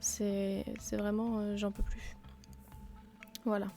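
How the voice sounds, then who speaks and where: A woman's voice: medium pitch, level tone, takes it slowly, warm tone, soft background music. A woman hosting a game let's play, talking casually and self-mockingly with many fillers, sick with a blocked nose and sore throat.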